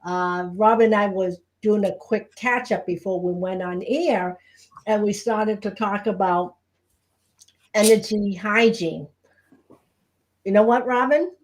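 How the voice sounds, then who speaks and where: Woman, medium pitch, live show co-host, casual conversational style. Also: steady tone, measured pace, poor audio. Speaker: co-host and Reiki teacher.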